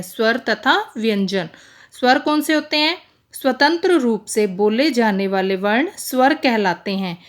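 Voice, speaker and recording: Lady teacher explaining a lesson real slow, higher voice, reads out letters one by one. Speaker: school teacher. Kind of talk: recorded classroom lesson.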